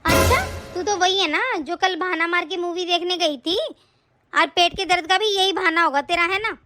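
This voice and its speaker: A woman's voice: very high voice, steady tone, normal speed, bright, forceful tone, faint music behind. A woman voicing a nagging middle-aged mother-in-law in a cartoon story, scolding and then soothing her daughters-in-law. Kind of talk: cartoon voice acting.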